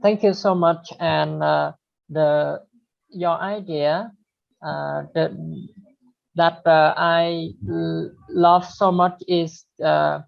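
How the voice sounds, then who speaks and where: A woman hosting a group discussion, speaking halting, hesitant English as she hands over between speakers. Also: deep voice, steady tone, vocal fry. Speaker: discussion host. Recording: muffled, lo-fi audio.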